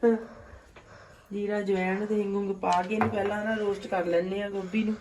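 A woman's voice: medium pitch, level tone, fairly quick. A middle-aged woman with an Indian Punjabi accent chatting casually and colloquially as she vlogs while cooking at home. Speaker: family vlogger, mother. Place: home kitchen. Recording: clearly noisy home recording with clicks.

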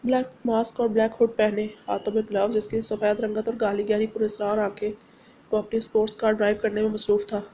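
A woman narrating a romance novel aloud at an even, steady pace. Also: mid-range voice, a little fast, slight background noise. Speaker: audiobook narrator. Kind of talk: novel reading.

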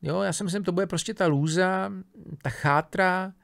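A man with a slightly raised, gravelly voice lectures on philosophy. He thinks aloud in a loose, conversational way, breaking off sentences and checking in with his listeners as he goes. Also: sits high, a bit bright. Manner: casual, thinking aloud with many fillers, restarts and tag questions. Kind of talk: informal spoken lecture on a philosophy text.

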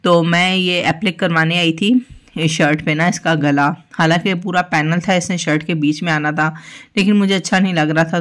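A young woman, chatting through her shopping trip and listing prices in a friendly, easy way. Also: sits low. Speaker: shopping vlogger. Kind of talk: casual voice-over narration of a shopping trip.

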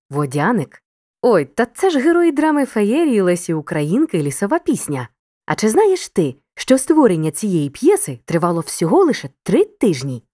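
A woman reading a scripted lesson, addressing the listener directly and spelling out example words clearly. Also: lowish voice, a little mellow, no room sound, clean studio sound. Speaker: teacher.

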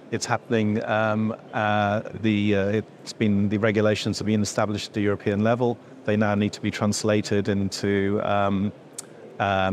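A middle-aged man who works as an industry association executive answers interview questions in an indoor event room, standing before a logo backdrop. His voice sits on the low side with a little hiss or hum in the recording. He uses many fillers and restarts as he explains.

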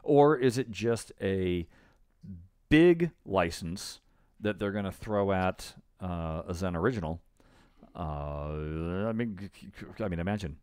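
Low-pitched, smooth and darkish, the voice of a middle-aged male podcast co-host moves slowly as he thinks aloud in relaxed, speculative chat. He's indoors in a small home room, close on a boom-arm podcast microphone, with no room sound audible.

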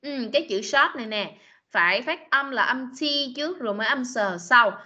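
Bright-voiced woman teaching English online. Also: fairly high pitch, animated. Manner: patient, drills words slowly and corrects pronunciation. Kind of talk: online class teaching pronunciation. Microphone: video call.

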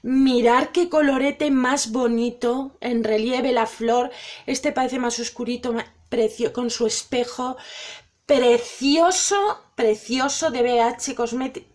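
A woman's voice: on the high side, steady tone, takes it slowly, a little mellow. A middle-aged woman from Spain, gushing and emotional as she opens gifts from viewers at home, exclaiming over each one. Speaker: vlogger opening viewer gifts. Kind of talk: excited unboxing chat.

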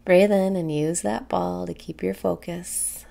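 In a small indoor room, a young adult woman leads a meditation with a low, heavily creaky voice. She speaks very slowly and softly in a steady tone, breathing each phrase out soothingly and pausing between them.

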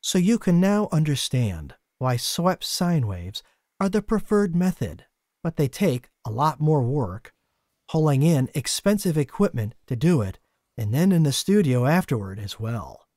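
A man giving scripted documentary narration in a measured, explanatory way, recorded as a voice-over. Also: fairly high pitch, big pitch swings, dark tone, dry recording, clean studio sound.

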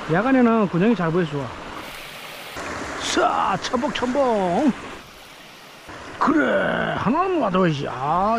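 A gravelly, lively, high-voiced man chats outdoors as a fishing vlogger, exclaiming and talking to himself while eating and fishing. He's on a rocky riverbank at night and by day, recorded with a head-mounted action camera amid background noise, in casual vlog narration.

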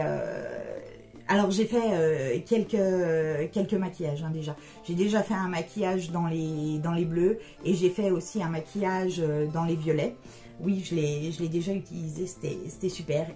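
Chatty woman with a mellow voice. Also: on the low side. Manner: chatty, many hesitant "euh" fillers. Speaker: beauty vlogger. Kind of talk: casual makeup product review.

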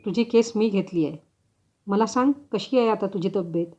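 A woman voicing a kind, calm advocate who asks gentle, reassuring questions, on a slightly dull recording. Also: mid-range voice, normal speed, lightly acted.

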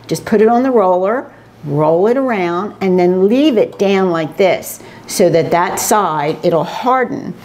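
A woman's voice: lowish voice, lively intonation, unhurried, a little mellow, a little hiss or hum. An older woman demonstrating a family recipe, explaining each step plainly and practically. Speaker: home cook demonstrating a recipe. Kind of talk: casual cooking demonstration.

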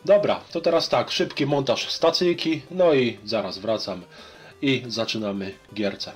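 A man's voice: mid-range voice, unhurried, soft background music. A Polish man in his thirties, a vlogger giving casual, colloquial, rambling commentary in a small room at home. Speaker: retro gaming vlogger. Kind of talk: casual chat and gameplay commentary.

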